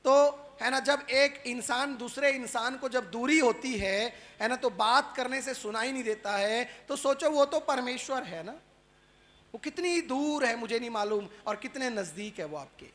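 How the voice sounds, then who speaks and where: A man preaching a sermon to a live congregation, firing rhetorical questions at them and tacking a quick "right?" onto nearly every point, swinging between loud calls and quieter asides. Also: very high voice.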